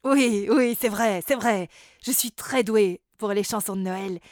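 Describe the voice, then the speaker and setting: A woman's voice: mid-range voice, measured pace, a little mellow, dry recording, studio quality, lightly acted. A woman voicing a vain, boastful male elf boy-band singer in a children's storybook, with a pompous, self-admiring manner. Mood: showing off. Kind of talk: storybook character voice.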